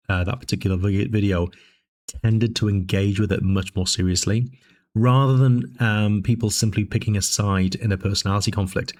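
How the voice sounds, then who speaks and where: Speaking to his channel's audience between sips of tea, this political commentary host has a fairly low, darkish voice that comes across a bit dry. His casual commentary is measured and discursive, with frequent filler pauses and restarted phrases.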